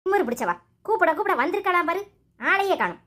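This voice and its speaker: A woman heavily acts out a nagging, sharp-tongued old mother-in-law in a cartoon, scolding fast and sarcastically in Tirunelveli Tamil. Her very high voice leaps through big pitch swings.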